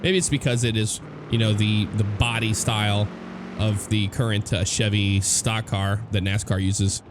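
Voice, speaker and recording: A young American man provides loose, rambling commentary on a driving game, with lots of fillers and restarts. His fairly low voice is hoarse from a cold, with fairly even intonation and a normal pace. Loud engine and road noise from the game runs beneath his speech.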